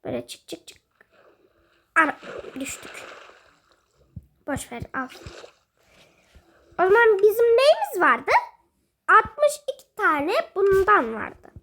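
High-voiced chatty woman gaming. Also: big pitch swings, slow, pauses often, pushed and bright. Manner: chatty, self-mocking, exclaims at the game. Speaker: gaming video host. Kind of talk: casual let's-play commentary.

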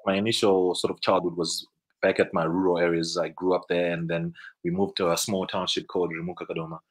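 A man's voice: low voice, little pitch movement, a little fast, rough recording. A Zimbabwean man in his thirties with a Zimbabwean accent, a business guest telling stories on a video call, rambling with restarts and fillers. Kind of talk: casual interview storytelling. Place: indoor room, video call. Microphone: video call webcam.

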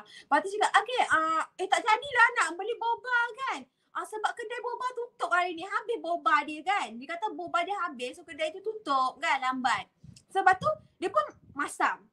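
A woman's voice: high-pitched, bright, forceful tone, low-quality recording. A young woman with a Malaysian accent hosts a casual live stream. She chats freely, laughs often and switches between Malay and English. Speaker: HR live session host.

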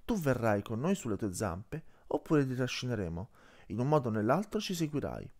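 A man's voice: medium pitch, big pitch swings, moderate pace, a little mellow. A scornful great wolf, played by a man, scolds and threatens in a harsh, raised voice. The storybook bully sounds contemptuous. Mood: threatening. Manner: sneering, threatening.

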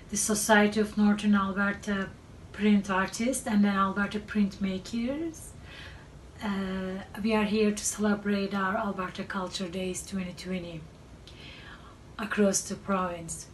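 A middle-aged Turkish woman, a native Turkish speaker with a Turkish accent, presents her work as an artist in a medium-pitched voice. She talks slowly and haltingly, often stopping to search for words. The far camera mic in her cluttered art studio sounds distant, with faint room noise.

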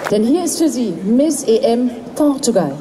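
A woman hosting a pageant on an outdoor stage, announcing contestants briskly. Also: a little high, lively intonation, background noise. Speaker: pageant host. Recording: distant mic, loud music and crowd.

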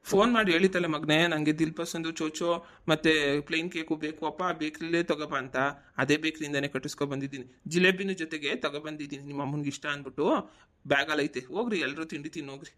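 A man's voice: a little high, steady tone, quick pace, fairly bright tone, close to an everyday voice. A man voicing an affectionate village father home from the city, coaxing and fatherly. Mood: explaining. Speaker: cartoon voice actor. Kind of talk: cartoon voice acting.

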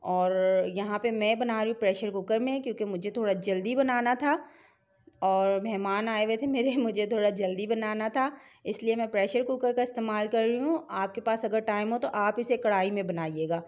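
A woman's voice: mid-range voice, moderate pace, darkish tone. A middle-aged woman with a Pakistani Urdu accent, talking viewers through a home cooking recipe in a chatty, encouraging, instructive way. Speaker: cooking channel host. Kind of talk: home cooking tutorial voice-over.

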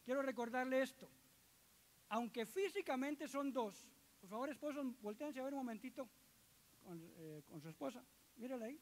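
A middle-aged man preaches to his congregation in a strikingly high voice. He jokes with the listeners and slips into quoted voices as he talks. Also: normal speed. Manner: lively, joking with the congregation, acting out quoted voices. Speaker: church elder preaching. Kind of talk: sermon.

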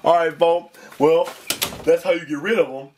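A man's voice: on the high side, steady tone, normal speed, a little mellow, a little hiss or hum, natural voice. A man voicing a laid-back male cartoon dinosaur who drawls street slang in a puppet comedy skit. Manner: drawling street slang, calls people folk.

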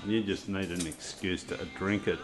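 A man's voice: low-pitched, fairly even intonation, moderate pace, soft background music. A man making casual, teasing banter from behind the camera in a kitchen. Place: home kitchen, indoors.

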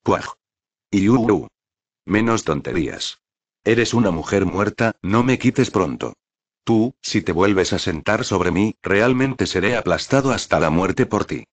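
Brief: whiny old landlord from a storybook, blustering, low and dry, read by a man. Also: expressive, measured pace, no room sound. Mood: whining. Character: pompous, brawling old male landlord.

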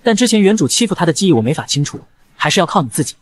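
A man voicing a blunt, snarky talking guide system, in a fast manga recap narration. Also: a little high, very animated.

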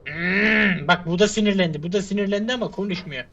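A man's voice: high-pitched, fairly quick, gravelly, sharp tone. A man giving frustrated gameplay commentary, muttering to himself, sighing and cursing at the game. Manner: exasperated, muttering to himself, swearing and sighing prayers. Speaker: gamer. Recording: slightly muffled with faint hiss.

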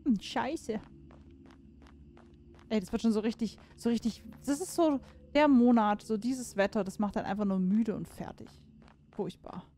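A woman's voice: on the high side, moderate pace, warm tone. A woman giving casual let's-play commentary on a horror game, chatting to herself and viewers, cursing and exclaiming when something startles her. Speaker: gaming streamer.

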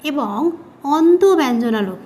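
A high-pitched woman teacher, leading a grammar lesson. She spells out key terms slowly and repeats them. She asks questions and then answers them herself. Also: expressive, a little mellow, a little hiss or hum.

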